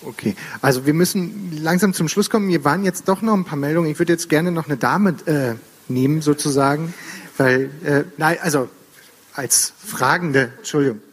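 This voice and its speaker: A man's voice: fairly high pitch, moderate pace, slightly rough. A man moderating a panel discussion, organizing questions in a slightly apologetic way. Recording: distant voice in reverberant hall.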